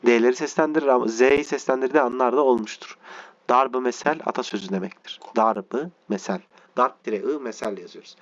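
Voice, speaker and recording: A man teaching a reading lesson, reading slowly word by word and stopping to spell out letters and explain meanings. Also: medium pitch, fairly bright tone, muffled recording.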